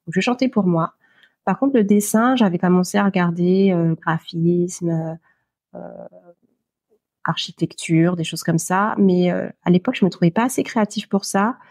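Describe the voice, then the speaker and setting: A woman, a podcast guest who talks with many pauses and fillers. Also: fairly low pitch, a little mellow, dry recording, clean studio sound. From Paris, France. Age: 40s. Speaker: interview guest. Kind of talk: podcast interview.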